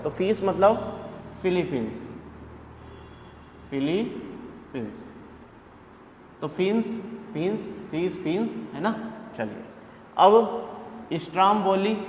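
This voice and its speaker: Male coaching teacher, high-pitched, repetitive drilling, echoey room, faint noise. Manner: repetitive, drilling rhymes and questions to students. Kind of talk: exam coaching lesson with memory tricks.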